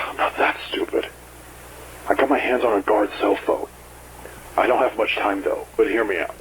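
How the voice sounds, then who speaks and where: Man playing a curt, low-voiced fugitive criminal. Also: steady tone, normal speed, very noisy, close to an everyday voice. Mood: irritated. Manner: curt, commanding, swearing. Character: ruthless, impatient man on the run from prison. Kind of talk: dramatized phone-call audio drama.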